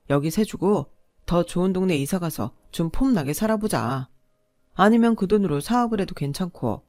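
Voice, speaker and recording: A woman voicing a scornful, pushy young husband who nags and sneers, a little louder than her narration, in a storytelling drama. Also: fairly low pitch, no echo, natural voice.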